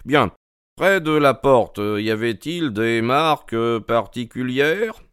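Man doing an eager, exacting detective for an audiobook: brighter and higher than the narrator, probing, crisp, dry sound. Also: dry recording. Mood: inquisitive. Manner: quick, questioning, excited interjections. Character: keen, probing male detective, eager and precise. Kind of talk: audiobook character reading.

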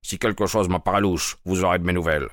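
A man voicing a respectful, measured police sergeant in an audio drama. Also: low voice, steady tone, fairly bright tone, no room sound, clean studio sound. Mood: polite. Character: polite, deferential male police sergeant.

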